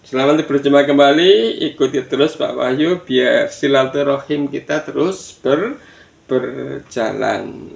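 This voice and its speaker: A man teaching children Quran recitation in a slow online lesson, counting aloud and drilling chanted verses. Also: medium pitch, vocal fry. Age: older. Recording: echoey room.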